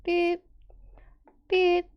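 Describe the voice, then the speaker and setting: A woman's voice: very high voice, monotone, drawn-out words, muffled recording, pitched above the performer's own voice, heavily acted. A woman voicing a glitching stud-finder robot that repeats clipped, machine-like beeps and error sounds.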